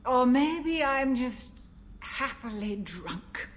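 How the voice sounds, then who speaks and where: A calm older ship's doctor. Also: female voice, sits high, exaggerated voice. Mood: tipsy. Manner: gentle, reflective, measured delivery. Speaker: game character. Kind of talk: video game dialogue.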